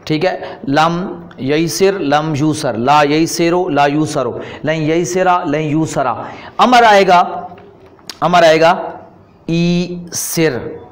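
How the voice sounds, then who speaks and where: A man with a Pakistani Urdu accent and a slightly high voice leads an online Arabic grammar lesson. He explains each rule step by step. Then he recites the verb forms in slow, drawn-out chants.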